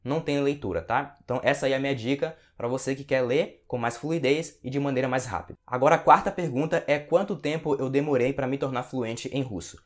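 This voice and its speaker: A man with a Brazilian Portuguese accent, answering viewer questions as a language teacher in a relaxed, casual way. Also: mid-range voice, brisk, hardly any pauses. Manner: relaxed, repeats tags like "tá?" and "né?". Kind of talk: casual Q&A lesson to camera.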